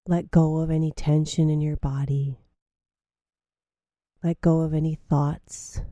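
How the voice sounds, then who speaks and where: A woman guides a meditation in a low, deeply mellow voice, drawing each phrase out slowly and softly. The recording is dry and close, with no room sound around her. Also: dry recording. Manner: slow, soothing, drawn-out phrasing.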